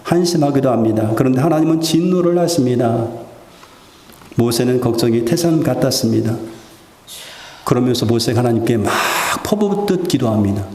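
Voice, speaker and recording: A man's voice: medium pitch, normal speed. A male pastor preaching a Sunday sermon, acting out the people's pleas and complaints in small bursts. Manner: acts out quoted pleas and complaints in lively bursts. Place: church sanctuary. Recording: echoey church hall.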